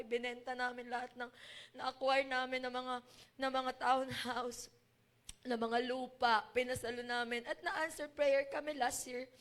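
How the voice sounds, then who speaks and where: A woman sharing a personal testimony with a congregation, speaking earnestly and emotionally. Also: high voice. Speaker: church member giving testimony.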